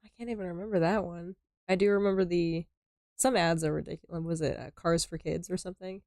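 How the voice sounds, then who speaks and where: A woman's voice: fairly low pitch, steady tone, quick pace, a little mellow, no echo, clean studio sound. A woman co-hosting a gaming stream in casual chat, quizzical and playfully skeptical. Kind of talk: casual chat while playing.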